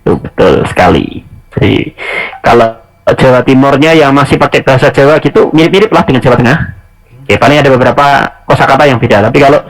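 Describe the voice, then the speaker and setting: A man's voice: medium pitch, expressive, fast, poor audio. A young adult man teaching an online English test class, chatty and often correcting himself mid-sentence. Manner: casual, self-correcting, chatty asides.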